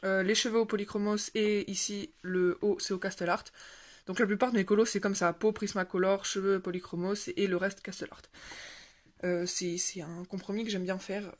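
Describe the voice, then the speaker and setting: A woman's voice: medium pitch, flat delivery, moderate pace. A woman chatting casually as a coloring vlogger, rambling and hesitant with many fillers and self-corrections, with a self-deprecating chuckle now and then. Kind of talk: casual show-and-tell chat.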